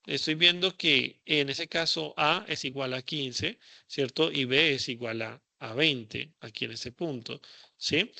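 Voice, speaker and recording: A man teaches a class in a loose, thinking-aloud way, full of fillers and checking questions. His voice is gravelly and very bright, and the recording is dry and close, with no room sound. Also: medium pitch, unhurried, no room sound. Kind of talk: classroom lecture.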